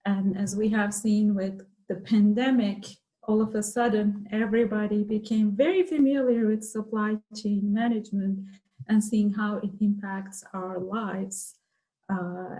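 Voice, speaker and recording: A woman's voice: mid-range voice, little pitch movement, measured pace, dark tone, poor audio. A middle-aged woman from Turkey, a professor, explaining her field in an interview with frequent fillers. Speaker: guest, professor. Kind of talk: interview conversation.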